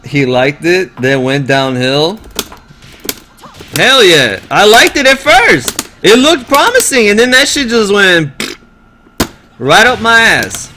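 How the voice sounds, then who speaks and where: Foul-mouthed high-voiced man ranting. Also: slow pace, slight background noise. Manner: profane, exasperated, animated storytelling. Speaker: streamer. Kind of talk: casual rant to a live stream.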